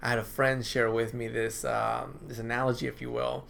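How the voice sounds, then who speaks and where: In a gravelly, fairly bright voice of medium pitch with little pitch movement, a counselor talks at normal speed to camera from his office. He keeps saying "right?" and repeating himself while clearing a dry throat, with slight background noise.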